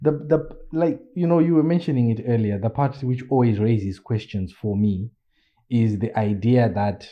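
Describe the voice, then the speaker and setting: A man reacting to a video, reasoning aloud in a measured way with some fillers. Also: medium pitch, highs cut off. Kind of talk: casual reaction commentary.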